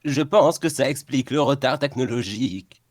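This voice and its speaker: A man's voice: medium pitch, normal speed, dry recording, studio quality, natural voice. A man voicing a gloating male alien villain in a comic fan-fiction reading, theatrical in manner.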